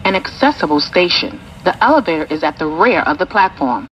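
A woman's voice: on the low side, big pitch swings, brisk, a bit bright, breathy edge, low-quality recording. A woman reading scripted public transit announcements as a train announcer.

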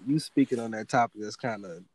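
A man hosting a casual chat, relaxed and teasing, asking soft-spoken questions. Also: fairly low pitch, a little fast.

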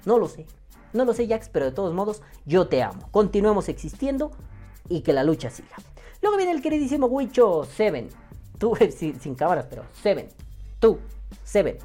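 A woman's voice: mid-range voice, big pitch swings, normal speed, dark tone, faint music behind. A woman with a Mexican accent hosting a podcast, reading listener comments and answering them in a profane, joking way. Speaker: podcast host.

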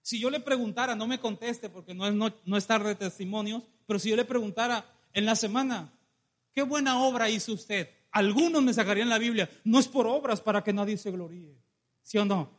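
A male preacher with a Mexican Spanish accent giving a sermon, telling stories and calling the congregation to say amen. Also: high-pitched. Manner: storytelling, calls for amen, slows on key phrases.

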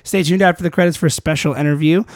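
A man's voice: on the high side, steady tone, dry recording, studio quality. A man hosting a podcast in casual, playful chat about comics. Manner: playful, quick, jokey. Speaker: podcast host.

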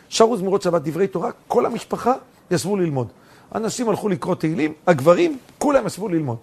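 A middle-aged man preaching as a rabbi, telling his stories with a high, husky voice. His pitch climbs and drops all over the place as he acts out each character's lines. The voice has a gravelly, rough edge. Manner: storytelling, acting out dialogue with swings of pitch and loudness. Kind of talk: sermon with stories.

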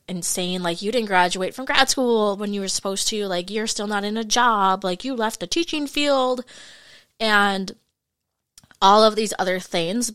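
Chatty woman in her twenties, smooth voice. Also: mid-range voice, fairly bright tone, no room sound. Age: 20s. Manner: chatty, frank, fillers like "like" and "you guys". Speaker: podcast host. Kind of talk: casual solo podcast monologue.

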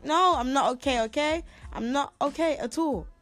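With soft background music, a woman in her twenties from Ghana, resident there six plus years, hosts a casual solo podcast. Her high voice is a bit bright and moves at normal speed. She complains theatrically in sassy slang, like she's venting to her listeners.

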